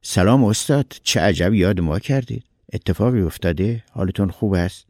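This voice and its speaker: A man's voice: fairly low pitch, lively intonation, warm tone, no echo, studio quality. A man voicing a polite, fussing middle-aged male neighbor in a read-aloud story. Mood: concerned. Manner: courteous, fussing, quick to reassure.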